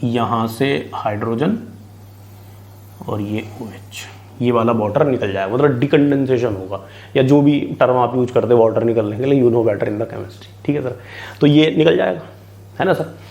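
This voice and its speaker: A man's voice: mid-range voice, normal speed, a little mellow. A man from India teaching biology in an online exam-prep lecture, chatty, asking and answering his own questions and mixing English terms into his talk.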